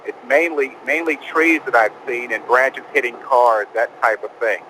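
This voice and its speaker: A man working as a news photographer gives an informal, halting live eyewitness report on storm conditions. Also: medium pitch, fairly even intonation, sharp tone, a little hiss or hum, low-quality recording.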